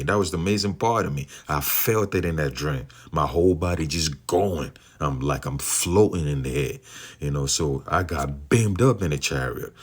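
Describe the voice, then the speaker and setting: Recounting his dreams as a believer, a very deep-voiced, husky man gives a rambling personal testimony. His phrasing is slow and drawn out, earnest, and thick with fillers.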